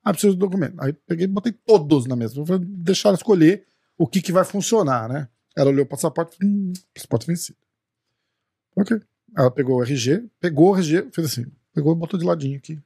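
Brazilian man, husky voice, fairly high pitch, dry studio sound, profane animated storytelling. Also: quick pace, no room sound. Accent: Brazilian Portuguese. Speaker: podcast host. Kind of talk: casual storytelling chat.

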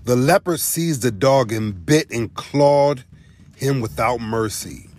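A man narrating a folk tale, telling it in an expressive storybook style. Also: medium pitch, takes it slowly.

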